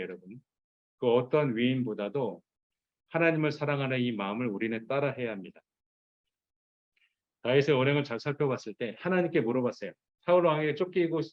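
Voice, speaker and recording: Male youth pastor, sermon, animated, acts out voices, slightly dull recording. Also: medium pitch. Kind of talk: sermon to teenagers.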